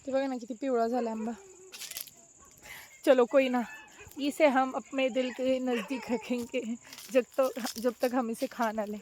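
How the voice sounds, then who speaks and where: Young marathi girl vlogging on a farm, high voice, teasing and joking, outdoors. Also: steady tone, unhurried, a little mellow, slight background noise. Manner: playful teasing, mixes Hindi and English. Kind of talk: casual vlog chat.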